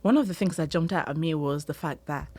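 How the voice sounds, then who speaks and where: Woman podcast host, low voice, dry close sound, casual and chatty. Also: a little fast, dark tone, slightly rough, dry recording. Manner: chatty, lots of "you know" and "like". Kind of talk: casual interview chat.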